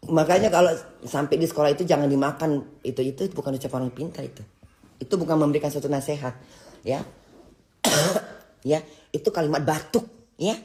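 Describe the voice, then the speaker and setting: A woman's voice: deep voice, a little mellow. A woman, hosting a livestream and ranting casually in a scolding way, stumbling and restarting her words often. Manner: halting and scolding, with many restarts. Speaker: livestream host.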